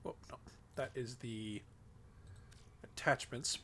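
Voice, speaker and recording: With slight background noise behind him, a congested man talks slowly through a desk microphone while streaming a game. His medium-pitched voice is bright and forceful, and his aimless thinking aloud is thick with fillers.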